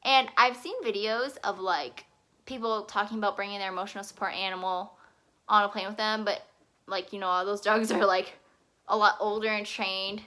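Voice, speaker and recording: A woman's voice: mid-range voice, steady tone, normal speed, sharp tone. A young woman telling a rambling, casual vlog story, full of fillers and asides. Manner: chatty, rambling, lots of "like". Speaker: vlogger.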